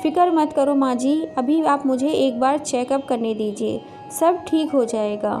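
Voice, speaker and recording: A woman voicing a polite young daughter-in-law in a storybook tale, talking gently and respectfully. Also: sits high, a little slow, faint music behind. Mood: reassuring.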